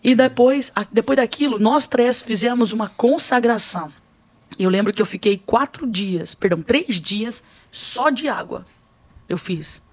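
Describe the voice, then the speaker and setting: A woman's voice: on the high side, measured pace. Woman. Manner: vivid storyteller, acts out scenes. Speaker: podcast guest. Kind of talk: personal spiritual testimony.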